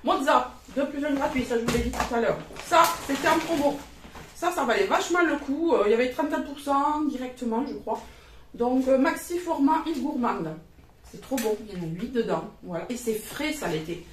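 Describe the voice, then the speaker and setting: A woman's voice: high voice, expressive, a little fast, far from the mic, slight background noise. A chatty woman in her thirties with a southern French accent, casually showing her grocery haul with frank, colloquial talk. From southern France. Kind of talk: casual chat. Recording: roomy echo, voice from off the mic.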